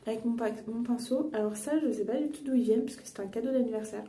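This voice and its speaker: A woman's voice: fairly high pitch, fast talker, mellow. A young woman vlogger chatting casually while doing her makeup, rambling with many fillers and self-corrections. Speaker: beauty and books vlogger. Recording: echoey room, a bit far from mic, faint noise.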